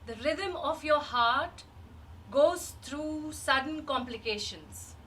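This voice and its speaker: A woman playing a grieving, wistful woman in a rehearsed reading of a dramatic monologue, measured and halting with long pauses. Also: high voice, animated, a bit bright, full character voice. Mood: grave, explanatory. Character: grieving woman recalling a dead loved one, wistful and searching. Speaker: actor in a rehearsed reading of a play. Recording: distant microphone, faint background noise.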